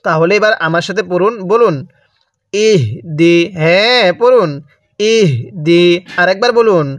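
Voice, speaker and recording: A man with a Bangladeshi Bengali accent teaching Quran reading. He spells out each syllable slowly and has learners repeat after him. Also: high voice, a bit bright, dry recording. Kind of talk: spelling-out recitation lesson.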